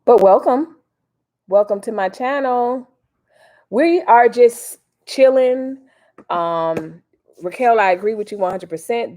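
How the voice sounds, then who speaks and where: An American livestream host from Miami rambles through casual live chat, using folksy slang and commenting as she replies to viewers. Her voice is mid-range with a slightly mellow quality.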